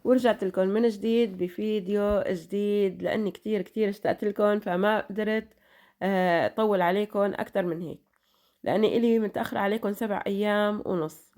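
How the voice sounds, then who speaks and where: A woman's voice: mid-range voice, steady tone, fast talker, a little mellow. A middle-aged woman with a Levantine Arabic accent chatting to her followers in a vlog, her voice still tired after an illness, chatty and full of blessings. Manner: chatty, repeats blessings and fillers. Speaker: vlogger. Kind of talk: casual chat to followers.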